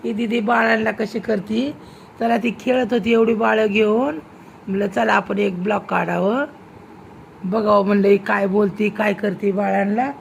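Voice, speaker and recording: A woman's voice: medium pitch, steady tone, moderate pace, creaky, a little hiss or hum. A woman filming a home vlog, chatting casually and scolding with teasing questions. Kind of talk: casual home video chat.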